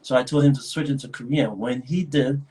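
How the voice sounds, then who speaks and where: Chatting casually as a guest in a video call, a young Nigerian-accented actor rambles, restarts often and laughs a lot. He speaks fairly quickly in a medium-pitched voice that is mellow and slightly rough.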